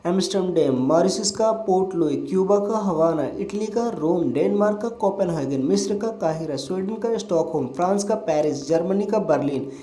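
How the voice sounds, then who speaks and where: A male teacher reciting a quick revision list for a lesson, rattling items off one after another with fillers. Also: high voice, animated, mellow.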